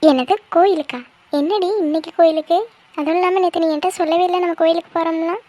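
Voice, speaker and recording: A woman doing a cheeky, squeaky college girl. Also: steady tone, fast, a little mellow. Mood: bubbly. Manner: teasing, brash questions. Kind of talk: cartoon voice acting.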